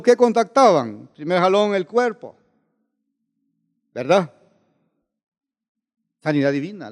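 In a large hall, a male preacher with a fairly high voice delivers a sermon, repeatedly questioning his congregation with tag questions.

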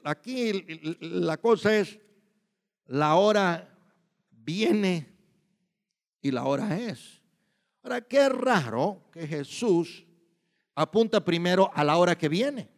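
A man's voice: high-pitched, animated, takes it slowly, long pauses. A man preaching a sermon in emphatic bursts, often repeating himself and checking with listeners. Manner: emphatic, shifts between loud and quiet. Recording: long hall reverb.

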